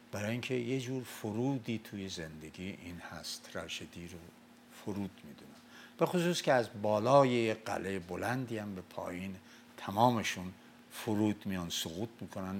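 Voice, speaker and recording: An older man from Mazandaran, telling and explaining old epic tales in a relaxed talk. He recites lines of verse slowly and loudly, then goes back to plain speech. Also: deep voice, a little hiss or hum. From Mazandaran, Iran. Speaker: storyteller discussing the Shahnameh. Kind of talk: casual lecture-style talk.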